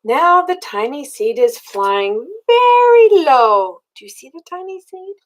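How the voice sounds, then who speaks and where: With a high voice and measured pace, an older woman reads a picture book aloud as a grandmother would. She is expressive and puts simple, child-directed questions to her young listener.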